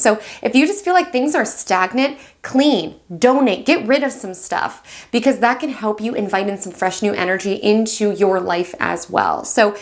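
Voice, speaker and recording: Woman astrology host, West Coast American, fast and bubbly, warmly encouraging, mid-pitched. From United States. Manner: fast, excited, affectionate and encouraging. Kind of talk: weekly horoscope monologue.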